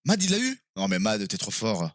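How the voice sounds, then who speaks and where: A man streaming live and playing a quiz game with his viewers, excitable and quick to exclaim and swear when he is stuck. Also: on the low side, no room sound, clean studio sound.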